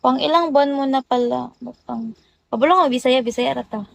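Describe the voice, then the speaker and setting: Woman streamer on a phone, a bit high-pitched, greets viewers one after another in casual chat. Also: a little fast, creaky, dry recording, rough recording. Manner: chatty, rattles off viewer greetings. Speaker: livestream host.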